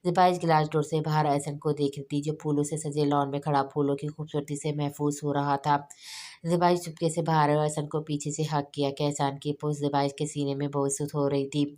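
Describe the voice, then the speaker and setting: Low, dark-voiced woman narrator. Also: little pitch movement. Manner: slow, measured reading. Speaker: novel reader. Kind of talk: audiobook narration of a romance novel.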